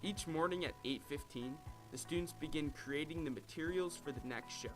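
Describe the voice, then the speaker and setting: A man's voice: a little high, fairly quick, poor audio. A teenage young man narrating a scripted news report as a student reporter. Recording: music bed behind the narration.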